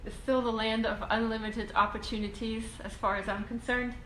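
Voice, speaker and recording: A woman from Russia talks through viewer questions on investing in a loose, unscripted way, pausing on ums and restarting her sentences. Her voice sits a little high. The room is echoey, with a faint hiss of ambience behind her. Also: level tone, fairly bright tone. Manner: halting, frequent ums and restarts. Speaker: real estate investing educator. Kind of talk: casual Q&A video talk.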